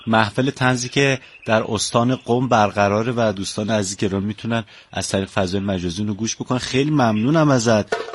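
A man's voice: fairly low pitch, slight background noise. Polite male radio host. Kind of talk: radio interview.

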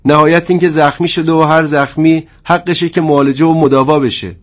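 A man voicing a wounded army captain who protests forcefully and stays defiant. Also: a little high, fairly even intonation, pitched above the performer's own voice, close to an everyday voice. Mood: indignant.

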